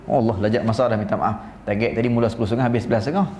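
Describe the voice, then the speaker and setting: A man with a northern Peninsular Malaysian Malay accent giving a religious lecture, telling stories in an animated way. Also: on the low side, very fast, a little hiss or hum. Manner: animated storytelling, mimics recitation styles. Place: seminar room. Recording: roomy seminar room, faint ambience.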